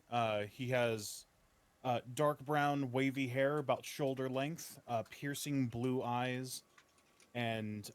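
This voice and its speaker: A man playing a tabletop game, casually introducing his character with frequent uhs. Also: mid-range voice. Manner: relaxed, many uhs. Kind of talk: casual chat describing a character.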